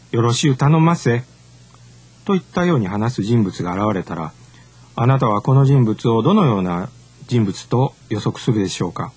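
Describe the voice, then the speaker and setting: Husky-voiced man giving a formal lecture. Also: mid-range voice, darkish tone. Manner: measured, formal and explanatory. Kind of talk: scripted lecture narration.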